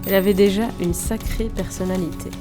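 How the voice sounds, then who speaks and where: A woman reads a scripted first-person narration in a calm, reflective voice. Clear music plays behind her with the sound of a typewriter, and her pitch stays in the middle range. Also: fairly quick. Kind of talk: scripted narration read from a comic.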